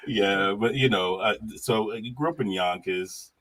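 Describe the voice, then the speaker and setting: Speaking slightly slowly in a lowish voice, this middle-aged man from Jamaica is a guest on a podcast. He talks in a relaxed way about his faith and life, full of energy, frequently laughing and saying things more than once.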